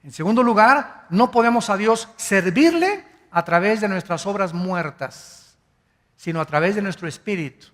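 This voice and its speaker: An older man preaching in a large hall, his high voice carried by a long reverb. He teaches emphatically, spells out words letter by letter and throws rhetorical questions at the congregation. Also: lively intonation, moderate pace, a bit bright. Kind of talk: sermon.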